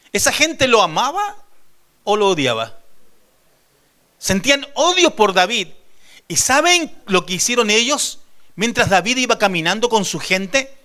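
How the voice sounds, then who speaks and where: A man preaching a sermon as pastor, emphatic, asking the congregation questions and swinging between raised and hushed delivery. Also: high-pitched.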